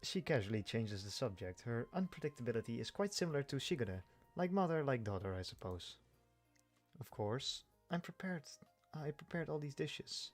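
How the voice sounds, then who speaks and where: Male streamer reading visual novel lines aloud, unhurried, mid-pitched, halting delivery. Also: sing-song, faint music behind. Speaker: game streamer. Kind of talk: reading game dialogue and narration aloud.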